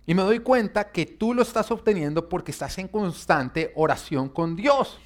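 A man's voice: high voice, animated, normal speed. A man preaching a sermon, emphatic and often asking his listeners questions. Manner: emphatic, asks the congregation questions.

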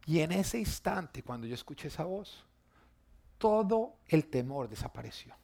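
A man, a pastor, preaching a sermon told through personal stories, talking conversationally and dropping to a soft voice for tender moments. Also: fairly high pitch, big pitch swings, a little slow, vocal fry.

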